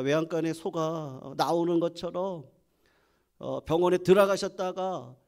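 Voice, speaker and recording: Male pastor, high, very animated voice, dramatic sermon storytelling. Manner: dramatic storytelling, swings from loud proclamation to hushed near-whispers. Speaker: senior pastor. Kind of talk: Sunday sermon.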